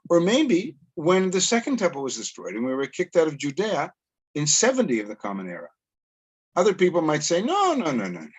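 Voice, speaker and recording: A man's voice: fairly high pitch, wildly swooping pitch, fairly quick, breathy edge, low-quality recording. A middle-aged man from Canada, a tour guide and educator, giving a chatty lecture over a video call and asking rhetorical questions. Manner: chatty, self-deprecating, asks rhetorical questions.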